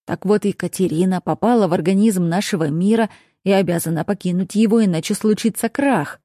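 A woman reading an audiobook, voicing a cautious, blunt male official who explains matters in a measured, matter-of-fact way. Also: mid-range voice, mellow, dry recording, studio quality, lightly acted.

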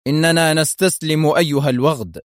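A man's voice: medium pitch, brisk, warm tone, no room sound, clean studio sound, close to an everyday voice. A man voicing a defiant male secret agent in an audio story, sarcastic and fierce under pressure. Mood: grim.

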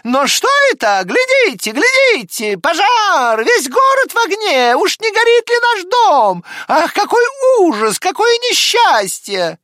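A man voicing an easily alarmed female duck who cries out in high, shouted bursts. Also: huge pitch swings, measured pace, few pauses, no echo, clean studio sound, exaggerated voice.

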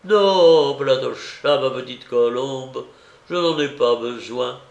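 A man voicing a shaken young man in an audiobook, strained and raised in pitch, turning tender with his aunt. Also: takes it slowly, vocal fry, roomy sound, muffled recording.

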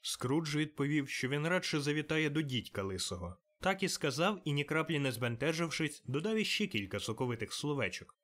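A man reading an audiobook, narrating at a steady storytelling pace. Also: on the high side, fairly quick, hardly any pauses. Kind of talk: scripted narration.

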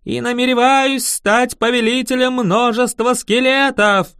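A man's voice: very high voice, steady tone, unhurried, a bit bright, clean tone, no room sound, studio quality, voice pushed up, full character voice. A man voicing a cocky young wizard who protests indignantly and blusters threats. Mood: mock-menacing. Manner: indignant, mock-menacing bluster.

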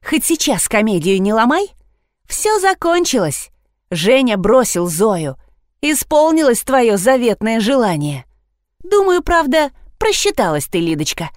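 A woman voicing a blunt, scornful young woman who talks in a sharp, mocking way. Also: a little high, big pitch swings, measured pace, no echo, clean studio sound.

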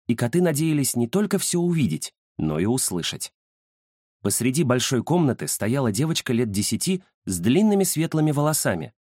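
A man narrating a children's story in an expressive storytelling manner. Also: medium pitch, no room sound, studio quality. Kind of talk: audiobook narration.

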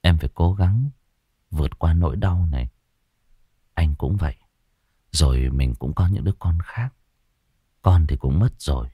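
A gentle young husband on leave from the army, as a male storyteller plays him, speaking low and consoling. His voice is very deep, with a lively pitch, recorded dry and close. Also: moderate pace, no echo. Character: gentle young soldier husband, sad and patient.

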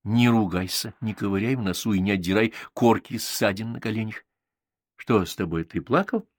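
A man's voice: on the low side, normal speed, no room sound, studio quality, lightly acted. A man reading an audiobook, voicing a bossy, playful thirteen-year-old girl who lectures. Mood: lecturing.

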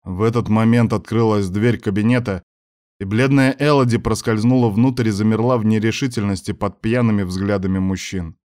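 A man reading a dramatic story aloud, steady in his narration. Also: lowish voice, normal speed, no echo, studio quality. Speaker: audiobook narrator. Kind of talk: scripted narration.

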